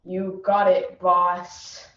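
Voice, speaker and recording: A young woman performing a meek male assistant who mumbles low and deferentially, heard in an echoey room from a distant mic. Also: monotone, very slow, fairly bright tone, highs cut off, a little hiss or hum.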